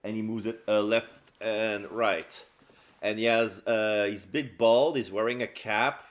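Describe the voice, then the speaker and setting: A man doing casual let's play narration, describing game scenes aloud in a halting way. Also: lowish voice, fairly even intonation. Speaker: game streamer and voice-over player.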